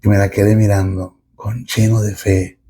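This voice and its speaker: A middle-aged man preaching a sermon as a pastor, emphatic and with dramatic pauses. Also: on the low side, little pitch movement, warm tone, a little hiss or hum.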